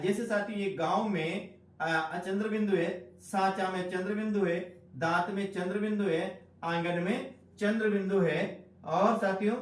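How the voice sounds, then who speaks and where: Man teaching, high voice, repeats terms, quizzes class, echoey room, far from mic. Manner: repeats key terms and asks the class questions; addresses listeners as friends, slow deliberate emphasis. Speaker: Hindi grammar teacher. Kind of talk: online exam-prep lecture.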